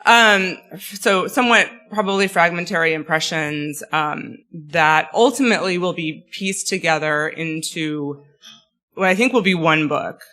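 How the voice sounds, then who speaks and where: Woman speaker losing her voice, bright tone, lots of ums, chatty and self-deprecating. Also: lowish voice, measured pace. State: losing her voice, clearing throat. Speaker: guest speaker. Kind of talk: academic talk.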